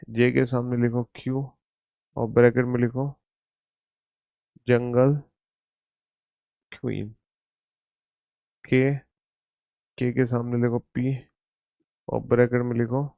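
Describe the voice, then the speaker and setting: A man teaching an online exam-prep reasoning class, dictating slowly to his students and repeating each instruction. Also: mid-range voice, creaky, no echo, phone-quality sound.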